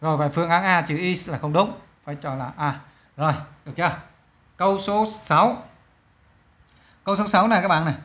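A man's voice: fairly high pitch, brisk, pauses often, a bit bright. A man from Vietnam, teaching English test answers in a chatty way and repeating each English word twice. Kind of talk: explaining a test to students.

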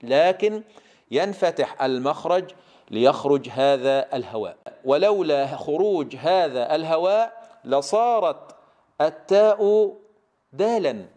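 A man teaching Quran recitation. He drills letter sounds slowly and with emphasis and asks the listener to repeat after him. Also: on the high side, lively intonation, dark tone. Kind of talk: tajweed lesson.

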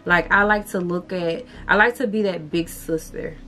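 Chatty young woman, soft music. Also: lowish voice, steady tone, normal speed. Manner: chatty, heartfelt, says "y'all" and "okay". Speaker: beauty vlogger. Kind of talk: casual chat to camera.

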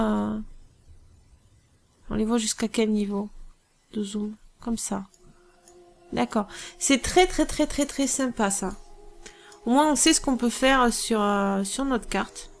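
A woman hosting a let's play, thinking aloud through strategy gameplay in a musing, hesitant way with many pauses. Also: on the high side, steady tone, vocal fry.

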